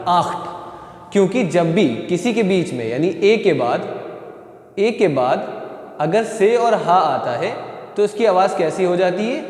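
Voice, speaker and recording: High-voiced man teaching in echo. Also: a little mellow. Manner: repeats questions to students, explains step by step. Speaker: German teacher. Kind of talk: online class explanation. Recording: echoey room, long reverb.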